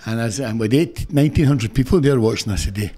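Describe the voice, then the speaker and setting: An irritated Scottish football boss in his sixties talks candidly after the game, with a nearby stand mic picking him up in an indoor press room. A sponsor board stands behind him, and his medium-pitched, mellow voice moves at a quick pace.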